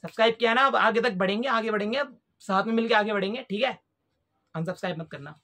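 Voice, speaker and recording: A man's voice: very high-pitched, quick pace, bright, forceful tone, no room sound. A young man chatting casually to his viewers in a vlog, playful and talkative, speaking into a wired lapel mic clipped under his shirt. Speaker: vlogger. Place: outdoors near a lane. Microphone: wired lapel mic under t-shirt to phone.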